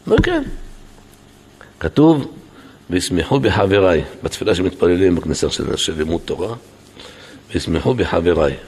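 A male rabbi with an Israeli Hebrew accent preaching a sermon to a congregation, acting out dialogue and shouting repeated words for emphasis. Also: deep voice, lively intonation, gravelly, slightly rough. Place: synagogue hall with congregation.

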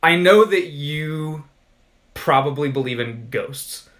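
A man's voice: fairly high pitch, slow, fairly bright tone. A man co-hosting a podcast in casual chat, rambling with lots of fillers and restarts. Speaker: podcast co-host.

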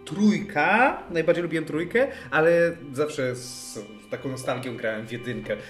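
A man's voice: fairly high pitch, normal speed, a bit bright. Man, casual podcast co-host, sarcastic teasing, frequent swearing, echoey room, music in the background. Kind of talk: casual chat.

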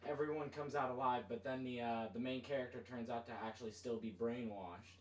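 A man's voice: mid-range voice, fairly even intonation, brisk, roomy sound, far from the mic. A young man co-hosting a podcast in casual chat, recounting plots in detail with hesitations. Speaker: podcast co-host.

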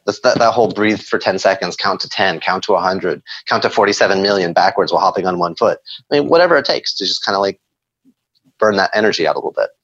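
A man being interviewed, telling animated stories and acting out his own inner dialogue. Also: low voice, quick pace, dull audio. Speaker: guest. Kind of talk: conversational interview.

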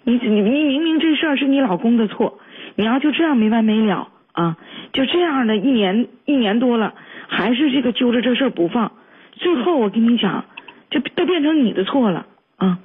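Woman host, Northeastern Chinese accent, blunt and scolding, husky voice, thin phone-line sound. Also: fairly high pitch, lively intonation, fairly quick. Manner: blunt, scolding, big-sisterly. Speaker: radio advice host. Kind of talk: call-in advice talk.

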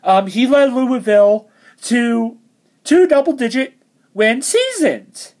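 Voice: medium pitch, lively intonation, slow, a little mellow. A fan ranting in exasperated, sarcastic commentary, tripping over words.

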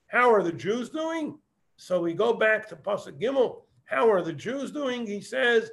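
A man's voice: high voice, creaky. A man teaching a Torah text, reading Hebrew phrases and translating them. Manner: explains verse by verse, quoting Hebrew then translating. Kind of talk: text study lesson.

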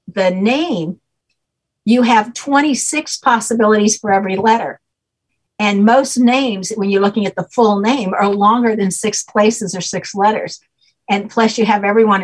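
A woman guest with a medium pitch and a breathy edge, heard through poor audio, walks the listener through a name system. Her explanations run long, and she keeps patiently confirming understanding with a repeated "okay?"

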